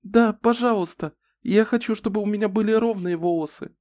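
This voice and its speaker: A man's voice: high-pitched, a little fast, a little mellow, pitched above the performer's own voice, natural voice. A man voicing a frightened little girl who pleads tearfully, in an audiobook reading. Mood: shy eager. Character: frightened little girl clutching her doll.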